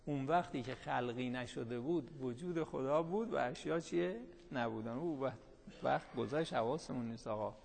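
A man's voice: medium pitch, creaky, darkish tone, breathy edge, big-room sound. A man teaching a class who reads a line of the text, then explains it in everyday speech, often asking the students questions and answering them himself. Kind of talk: classroom lecture.

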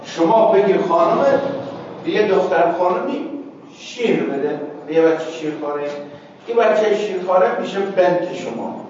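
A man with a high voice teaches a class, breaking words down step by step and pausing so the students can call out the rest. He sounds far from the mic in a very echoey room, and the recording is dull and lo-fi. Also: lively intonation, a little mellow, slight background noise. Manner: prompts students to finish his sentences; explains word meanings step by step with checking questions. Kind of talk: classroom lecture.

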